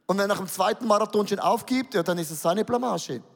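Swiss german guy preaching, high voice, pushy rhetorical questions, big echoey hall. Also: fast talker, creaky. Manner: emphatic, repeats words, rhetorical questions. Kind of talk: sermon.

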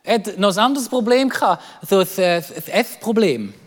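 A man with a Swiss German accent preaching a lively sermon, acting out quoted voices and repeating words as he goes. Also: high-pitched, fairly quick, big-room sound. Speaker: pastor.

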